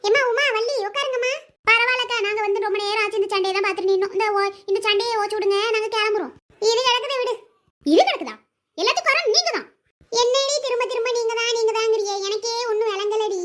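A woman voices a whole cartoon family in a squabble. Her voice sits extremely high and shrill, and she fires off scolding lines at a quick clip. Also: fairly even intonation, fairly bright tone. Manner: quarrelsome, scolding, rapid back-and-forth. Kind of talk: cartoon voice acting of a family quarrel.

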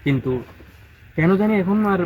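A man's voice: high voice, expressive, moderate pace, phone-quality sound, a little hiss or hum. A man vlogging outdoors in a backyard by a pond, chatting casually and a bit tired from washing his bicycle. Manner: rambling, chatty, addresses viewers directly; speaking quietly so neighbours won't hear. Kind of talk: casual vlog chat.

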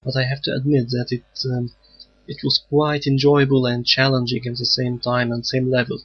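Young man, husky flat voice. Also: mid-range voice, moderate pace. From Egypt. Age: young adult. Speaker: course participant. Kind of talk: self-recorded video statement. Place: room at home. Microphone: webcam close up. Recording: slightly dull webcam audio.

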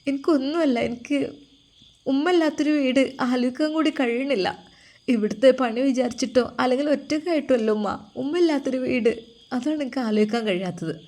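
A woman's voice: high voice, brisk, mellow, voice pushed up, natural voice. A woman voicing a devoted young daughter-in-law, speaking in a pleading, emotional way. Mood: tearful, pleading.

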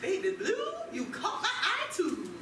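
Rhyming old mailman, acted by a woman, high voice, improv comedy, heavy noise, distant mic. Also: wildly swooping pitch, measured pace, exaggerated voice. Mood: flirtatious. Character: rambling, rhyming old mailman smooth-talking a sweetheart. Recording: very noisy, echoey room from afar.

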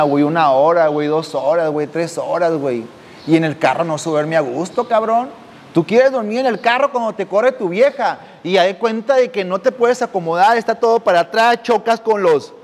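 Casting: male podcast host, high voice, slangy casual anecdotes, roomy reverb. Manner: slangy, drops "güey" constantly, acts out voices. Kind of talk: casual storytelling monologue.

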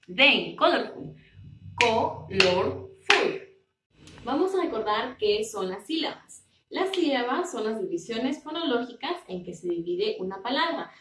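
Lady teacher, slow stretched-out drilling, far off mic, bit of hiss. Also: high voice, fairly bright tone. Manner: drawn-out syllables, repeating words to drill pronunciation. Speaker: English teacher. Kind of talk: bilingual classroom lesson. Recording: echoey room, distant mic, faint noise.

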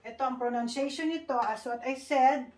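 Tagalog-speaking woman teaching slowly. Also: high voice, darkish tone. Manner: patient, repeats sounds slowly for learners; mixes Tagalog with English. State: speaking carefully due to a tooth problem. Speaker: Korean language teacher. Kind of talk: online language lesson. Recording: echoey room, faint hiss.

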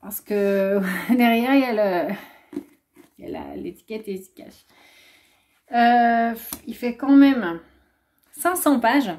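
Chatty woman, mellow voice. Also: fairly high pitch, slow, long pauses. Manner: chatty, rambling, many filler "euh"s. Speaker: booktuber. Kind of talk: casual book haul vlog.

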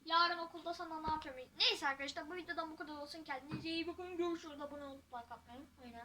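Excitable teen girl playing a game. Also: high voice, racing, background noise. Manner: excitable, loud outbursts, joking. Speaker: gaming YouTuber. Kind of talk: casual gameplay commentary.

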